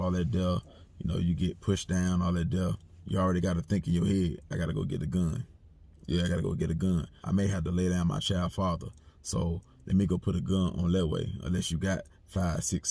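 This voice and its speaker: Gravelly deep-voiced man, blunt street talk. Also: mellow, no echo. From United States. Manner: blunt, repetitive, streetwise, drawn-out delivery. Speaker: commentary channel host. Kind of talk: casual monologue commentary.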